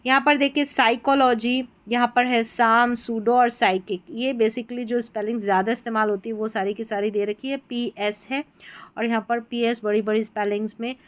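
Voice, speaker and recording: A woman who speaks as her teaches English spelling patterns from a chart. She draws out each example word slowly between her explanations. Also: a little high, fairly even intonation. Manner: slow, drawn-out example words between explanations. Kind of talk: spelling lesson walking through a chart.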